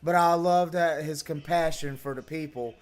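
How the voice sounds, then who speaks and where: A man with a high-pitched voice hosts a casual wrestling podcast. He is excitable and reacts quickly. He swears freely as he talks. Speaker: podcast host.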